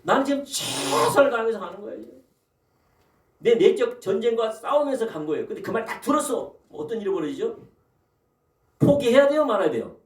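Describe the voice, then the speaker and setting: This man preaches as pastor in a high-pitched, quick voice, animated as he throws out rhetorical questions and calls for amens from the congregation. The setting is a church sanctuary, recorded by a far-off mic that catches the hall's echo.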